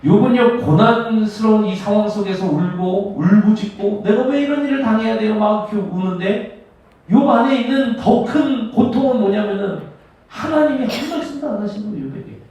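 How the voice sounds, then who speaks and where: A male pastor preaching a sermon with emphatic, dramatic swings between loud and hushed delivery. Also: sits high, lively intonation, normal speed. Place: church sanctuary. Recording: echoey church hall, mic at a distance.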